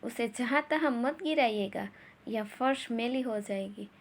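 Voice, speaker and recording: A woman's voice: fairly high pitch, moderate pace. A woman voicing a smug young man who blackmails his ex-lover, mocking her and singing old film songs off-key.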